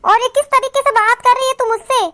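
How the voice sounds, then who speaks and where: A woman voicing a kind, patient elder daughter-in-law in a family cartoon who speaks gently and reasons things through. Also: very high voice, moderate pace. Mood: reproachful. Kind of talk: cartoon voice acting.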